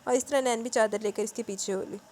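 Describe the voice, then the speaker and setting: A woman's voice: fairly high pitch, fairly even intonation, darkish tone, slight background noise. A woman reading a romance novel aloud, breaking in with wry, colloquial asides. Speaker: novel reader.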